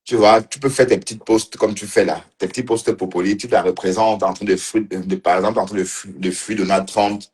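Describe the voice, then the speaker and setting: A man's voice: fairly low pitch, steady tone, brisk, hardly any pauses, darkish tone. Mocking man in casual livestream commentary. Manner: mocking and teasing, laughing often, repeating phrases. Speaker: online commentator.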